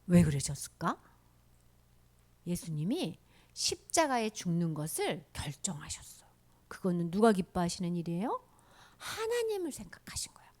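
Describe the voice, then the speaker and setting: A woman's voice: on the low side, huge pitch swings, moderate pace, long pauses, darkish tone. A woman telling a Bible story in a children's sermon, asking the children questions and dropping into whispers.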